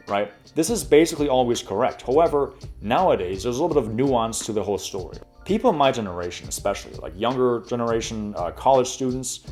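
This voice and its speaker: A young man in his twenties runs a relaxed pronunciation lesson, his mid-range voice a little mellow. He chats away with plenty of fillers, demonstrating sounds as he goes, in the role of a language tutorial host.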